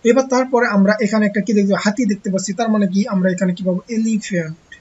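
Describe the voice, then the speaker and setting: A teacher gives an online textbook lesson to young pupils. The teacher asks rhetorical questions and answers them, slowly repeating key words. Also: medium pitch, darkish tone, dull audio, a little hiss or hum.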